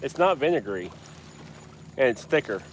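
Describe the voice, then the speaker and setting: A man's voice: mid-range voice, very animated, normal speed, rough recording. A man with a congested, blocked nose chats in a colloquial, rambling way while out fishing. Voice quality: congested, stuffed-up nasal voice. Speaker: angler filming a fishing outing. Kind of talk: casual chat while fishing. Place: outdoors at night by water. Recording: outdoor night ambience, insect noise.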